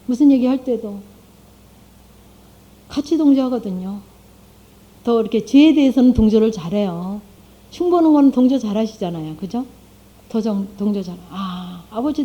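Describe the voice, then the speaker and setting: A middle-aged woman, a lay church speaker, giving a conversational testimony, asking her listeners rhetorical questions and acting out her own prayers aloud. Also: a little high. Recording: dull lo-fi recording.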